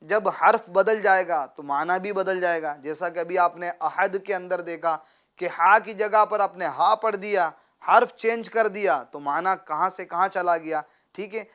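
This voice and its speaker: A man with a high, slightly bright voice leads a child through Quran recitation, patiently asking questions and having the pupil repeat his lines in call-and-response. Praise comes often.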